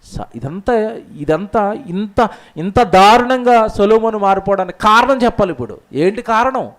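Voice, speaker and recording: Impassioned high-voiced preacher man. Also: expressive, normal speed. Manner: impassioned, swings between loud outbursts and quiet asides. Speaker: pastor. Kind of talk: sermon.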